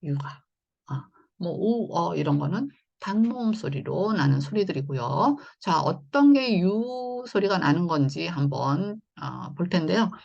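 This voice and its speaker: A woman teaching English phonics in an online lesson, explaining patiently and slowly with many fillers. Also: fairly low pitch, expressive, vocal fry, a little mellow, husky, dull audio.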